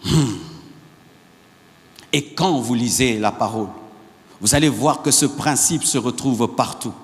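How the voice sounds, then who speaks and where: A male pastor delivering a sermon, repeating phrases and building up to shouted exhortations to the congregation. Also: medium pitch, unhurried, long reverb tail. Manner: repetitive, rising to shouted exhortations.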